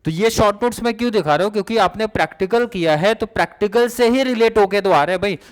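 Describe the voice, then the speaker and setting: A young male teacher talks through exam revision in a relaxed, chatty way, stopping often to check that his students are following. His voice sits a little high for a man. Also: fast talker. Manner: casual, repeatedly checks understanding with students.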